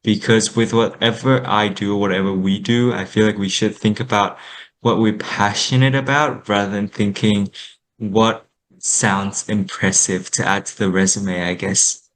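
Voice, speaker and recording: A young man from Vietnam answers interview questions in a lowish voice. He speaks thoughtfully, pausing with small fillers as he works through his ideas. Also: fairly even intonation, fairly bright tone, rough recording. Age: young adult. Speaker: interview guest, student. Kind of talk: casual interview talk.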